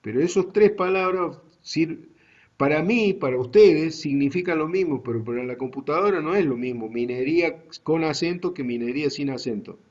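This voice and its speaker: Un hombre con acento argentino que da una clase universitaria en línea, explicando con calma y paso a paso. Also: male voice, fairly high pitch, lo-fi sound. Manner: slow, deliberate explaining to students. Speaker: university GIS teacher. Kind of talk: online class lecture.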